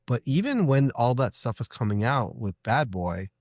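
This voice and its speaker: Male podcast host, casual interview, lively pitch, enthusiastic, dry sound. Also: moderate pace, no room sound. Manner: enthusiastic, animated, acts out quotes.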